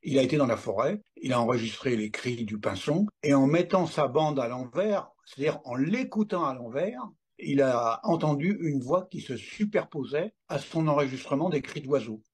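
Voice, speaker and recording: Husky older man telling a story. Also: mid-range voice, moderate pace. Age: 70s. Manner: lively storyteller, acts out remembered dialogue. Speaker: interview guest. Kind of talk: casual storytelling.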